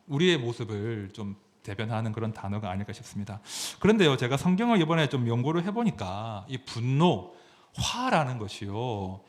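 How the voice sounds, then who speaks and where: A man, a pastor, preaching a sermon, asking the congregation questions as he goes. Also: mid-range voice.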